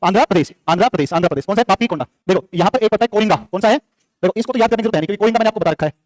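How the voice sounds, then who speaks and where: Fast-talking high-voiced male teacher drilling names. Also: darkish tone, no room sound, faint music behind. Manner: repetitive drilling of names, asks and answers his own questions; chatty asides to students. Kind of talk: classroom lecture with call-and-response drilling. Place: classroom.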